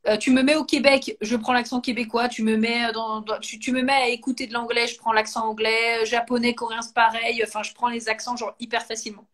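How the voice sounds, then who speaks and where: A woman talks casually with a guest, turning her thoughts over as she goes. Her voice sits a little high, and she trips into restarts and fillers. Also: flat delivery, fast talker, few pauses, fairly bright tone. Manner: thinks aloud with many fillers and restarts. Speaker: coach and host. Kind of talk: casual conversation, live video.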